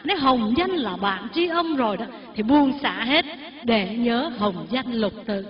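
Older Buddhist nun, slow unhurried delivery, call-and-response recitation, echoey temple hall. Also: female voice, a little high, animated. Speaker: Buddhist nun teaching the Dharma. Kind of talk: Dharma talk with chanting. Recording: echoey hall, dull lo-fi sound, faint music.

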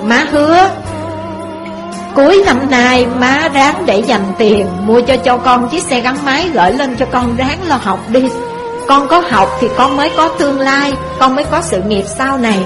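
A woman's voice: high-pitched, animated, normal speed, music in the background. A woman playing a pleading poor mother. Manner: gentle pleading.

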